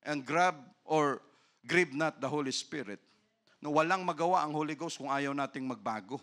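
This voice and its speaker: A male pastor from the Philippines preaching a sermon, often tagging his lines with a questioning "no?" and drawing out key phrases slowly for emphasis. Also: on the high side, sharp tone.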